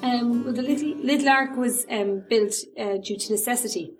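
A woman with an Irish accent telling local history as an informal storyteller, pausing hesitantly as she goes. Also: a little high, faint music behind.

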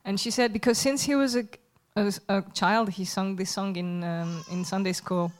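A woman's voice: medium pitch, steady tone, normal speed, a little hiss or hum. A woman giving a live spoken translation of a sermon in church, hesitant and searching for words as she goes. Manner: hesitant, searching for words with fillers and self-corrections. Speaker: interpreter.

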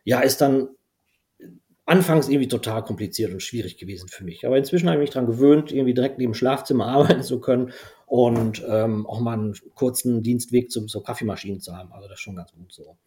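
Speaking quickly in a dark-toned, medium-pitched voice, this Dutch-speaking man from Belgium is a podcast guest in casual conversation. He rambles and leans on lots of fillers.

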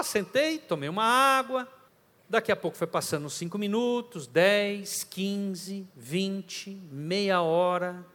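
A man preaching a storytelling sermon with a dramatic delivery, sometimes shouting. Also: on the high side, in a large hall.

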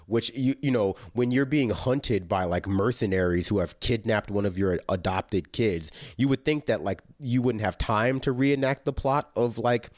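A young man hosting a casual podcast chat, talking loosely with lots of fillers and bursting into animated, laughing asides. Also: lowish voice, normal speed, hardly any pauses, no echo, studio quality. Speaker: podcast host.

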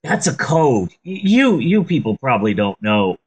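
A woman chatting casually as a comedic podcast host in a stoned, rambling drawl, swearing freely and joking deadpan. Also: extremely low pitch, normal speed, slightly rough.

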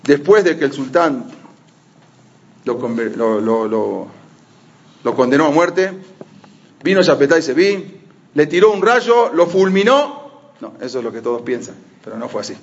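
A man teaching a religious history lesson as an animated story, sometimes slipping into the voices of the people he quotes. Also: on the high side, a little slow, long pauses. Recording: muffled lo-fi audio.

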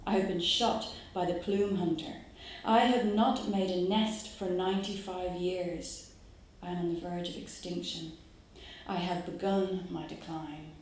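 An Irish poet from Dublin, speaking in a steady, lowish and slightly mellow voice, introduces her work in a musing, filler-laden way and then reads it aloud. The live recording has a lot of echo.

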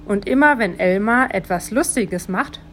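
A woman volunteer reading a children's story aloud, calm and gentle. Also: mid-range voice, measured pace, a little hiss or hum.

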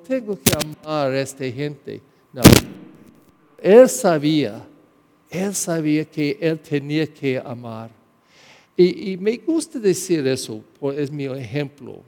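Priest guy giving a sunday homily, kinda high voice, slow and halting, lots of echo from the church. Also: mellow. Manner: slow, halting delivery with restarts and fillers. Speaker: pastor.

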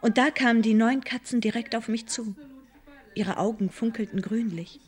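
An actress playing a mother telling an eerie tale in a hushed, suspenseful children's audio drama. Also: on the high side, normal speed, breathy edge. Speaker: Jan's mother, telling her story.

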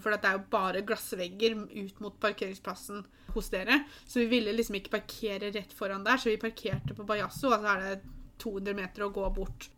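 A young woman casually retelling a surprise with a friend, animated and giggly. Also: medium pitch. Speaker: friend of the bride. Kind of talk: casual storytelling chat.

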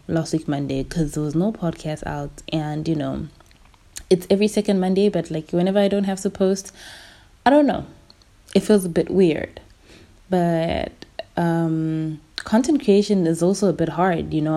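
A woman's voice: fairly low pitch, normal speed, creaky, mellow. A young woman, hosting a podcast as a casual, candid, conversational personal monologue. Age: young adult. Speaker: podcast host.

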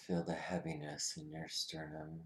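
A man leading a guided meditation with slow, soothing instructions, his voice often dropping to a soft whisper. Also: extremely low pitch, level tone, vocal fry.

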